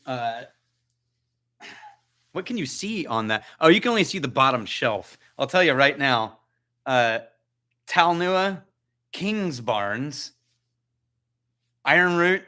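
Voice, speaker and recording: A man with a bright, forward voice hosts a relaxed whisky tasting livestream from his own home. He chats and jokes with viewers, thinks out loud between sips and answers their comments as they come in. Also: fairly high pitch. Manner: chatty, joking, thinks aloud while tasting. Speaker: whisky channel host. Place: his own chilly house.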